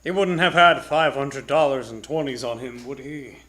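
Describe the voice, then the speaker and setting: A man's voice: medium pitch, fairly even intonation, moderate pace, a bit bright, lightly acted. An actor playing a guarded, wealthy married businessman wary of scandal in a live old-time radio drama. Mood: guarded, bargaining. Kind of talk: live 1940s-style radio drama acting.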